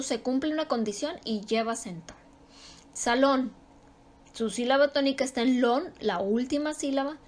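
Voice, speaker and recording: A woman teaching a grammar lesson, explaining slowly and repeating example words with strong stress. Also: sits high.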